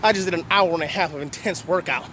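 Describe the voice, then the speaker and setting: Brief: high, bright-voiced Texan man, blunt combative vlogger, out of breath, faint outdoor traffic noise. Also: quick pace. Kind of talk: walking vlog. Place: outdoors at a park beside a long line of cars.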